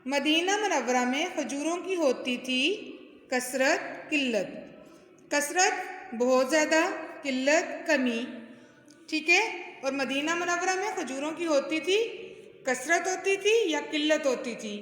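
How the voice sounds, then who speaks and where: High bright woman teacher, echoey room. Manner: patient, explains step by step, addresses pupils as "beta". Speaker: primary school Urdu teacher. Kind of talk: recorded homework lesson for children. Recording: strong echo, long hall reverb.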